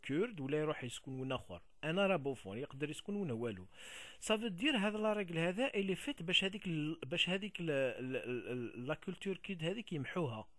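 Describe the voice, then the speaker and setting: A man's voice: a little high, fairly bright tone, no echo. Algerian man, casual interview talk, stop-start and repetitive, dry close sound. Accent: Algerian Arabic. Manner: halting, many repeated words, switches often into French. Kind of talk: casual conversational explanation.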